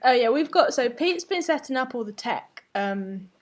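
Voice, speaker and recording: A woman from a Finnish family hosts a live painting stream, chatting casually as she works, laughing often and sometimes losing her thread. Her voice is a little high and expressive, at a normal speed.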